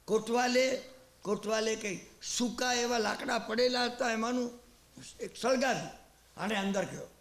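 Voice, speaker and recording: A man's voice: very high voice, moderate pace, fairly bright tone, echoey room. A man preaching a sermon, telling a story and acting out its characters. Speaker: Jain preacher.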